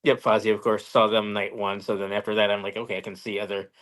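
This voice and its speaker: With a lowish, fairly bright voice, this interview guest speaks at a quick pace with a flat delivery. He tells stories in a casual, plain-spoken chat, keeping his answers short and simple.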